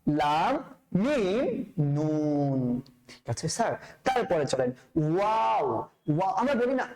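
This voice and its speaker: Man teaching letter pronunciation, high and animated, calls the learner sir, playful. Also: poor audio. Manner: drills letters by repeating them, addresses the learner as sir, playful asides. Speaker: Quran reading teacher. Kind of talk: recorded lesson on Arabic letter pronunciation.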